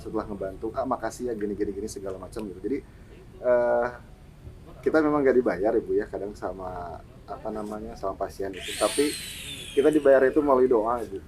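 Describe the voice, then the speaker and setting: A man's voice: on the low side, fairly quick, a little mellow, a little hiss or hum, rough recording. A man, a humanitarian volunteer, recounting experiences casually and plainly in a podcast interview. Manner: casual, plainspoken, fillers like "gitu".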